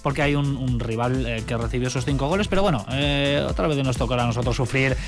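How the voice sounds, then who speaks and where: A male radio sports reporter with an accent from Spain, giving a conversational round-up in a halting way, often checking in with tag questions. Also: mid-range voice, music in the background. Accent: Spanish from Spain.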